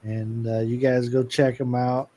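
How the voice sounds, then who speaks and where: A man co-hosting a casual live stream with his wife, chatting loosely, thanking viewers by name and filling pauses with "uh". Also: mid-range voice, flat delivery, heavy background noise. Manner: chatty, shouts out viewers, many "uh" fillers.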